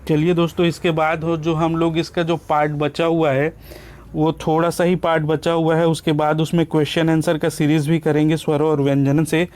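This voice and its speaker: A man teaching a lesson, asking questions aloud and answering them himself, often checking in with a quick "okay". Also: on the high side, completely flat delivery, a little mellow. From India. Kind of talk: classroom lecture.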